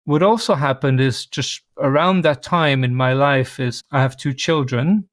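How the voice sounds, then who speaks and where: On a video call, a Swiss organizational consultant appears as a guest in a reflective interview, speaking in a mid-range voice. He's thoughtful and measured, with a touch of self-deprecating humor. The recording is dry and studio-clean.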